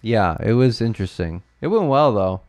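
A young man hosting a casual podcast chat, relaxed and a little rambling, quick to laugh. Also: on the low side, no room sound. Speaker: podcast host.

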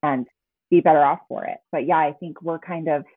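Guest, woman in her forties from Utah: husky, lower voice, chatty and animated, heard over a thin phone-like line. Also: no room sound. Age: 40s. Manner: animated storytelling, frequent quick agreement. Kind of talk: casual interview conversation. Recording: tinny phone-like remote line, dry.

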